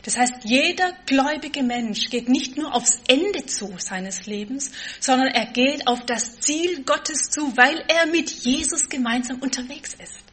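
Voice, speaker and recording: A woman preaching a sermon, stressing key words with force and then dropping to a soft, quiet tone. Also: high-pitched, a little slow, few pauses.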